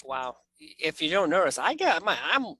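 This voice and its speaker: A man hosting a casual interview, talking in an animated, emphatic and conversational way. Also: a little high, normal speed, husky, no room sound. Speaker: interview host.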